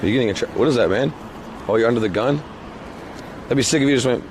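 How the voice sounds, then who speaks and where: A man chatting casually and excitedly, with profane, slangy exclamations. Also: mid-range voice, fast talker. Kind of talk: excited casual chat during outdoor clips. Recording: noisy amateur recording.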